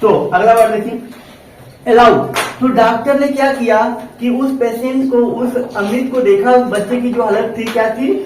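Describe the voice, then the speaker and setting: High-voiced male teacher in an echoey room. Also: fairly even intonation, moderate pace, slight background noise. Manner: asks questions and answers them himself. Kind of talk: classroom vocabulary lesson. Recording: very echoey room, distant mic.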